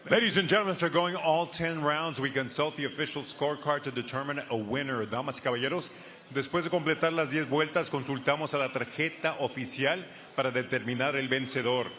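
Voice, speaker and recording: A man's voice: fairly high pitch, fast talker, pushed and bright. A man making formal bilingual ring announcements at a live boxing event, in a grand, ceremonious lucha libre announcer manner that draws out names.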